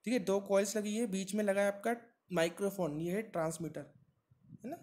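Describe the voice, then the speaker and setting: A man's voice: high voice, steady tone, a little fast, a little mellow. A man teaching an exam-prep lesson, explaining step by step and answering his own questions, with frequent "right?" checks.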